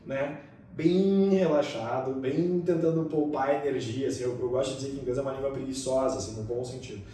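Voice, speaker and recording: Fast-talking man in echoey room. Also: medium pitch, steady tone, warm tone, recorded from a distance, a little hiss or hum. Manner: fast-talking, many tag questions. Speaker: English pronunciation teacher. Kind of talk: casual conversation.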